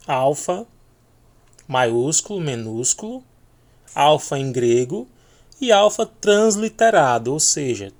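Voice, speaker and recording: Slow-spoken teacher drilling letters. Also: male voice, fairly high pitch, darkish tone. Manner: slow, repeating each letter name for learners. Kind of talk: video lesson.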